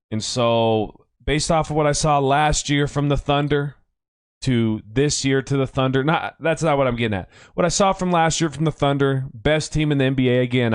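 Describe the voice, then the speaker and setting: A man hosting a casual sports podcast, his voice a bit strained from yelling, rambling and correcting himself as he talks. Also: mid-range voice, clear, resonant tone, no echo, clean studio sound. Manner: rambling, self-correcting, conversational. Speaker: podcast host; youth coach.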